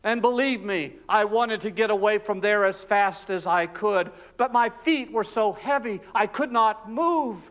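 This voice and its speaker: A pastor acting out Barabbas, a frightened freed male prisoner, in an emotional, hushed and halting dramatic monologue in a church. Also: sits high, highs cut off. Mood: relieved. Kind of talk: dramatic first-person monologue. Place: church sanctuary.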